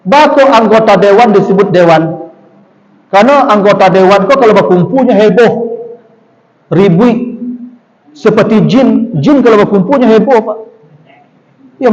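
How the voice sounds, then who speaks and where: High-voiced preacher in an echoing hall. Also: male voice. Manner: lively, rhetorical, addresses audience directly. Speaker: Islamic preacher. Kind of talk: sermon. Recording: dull, long-reverb hall sound.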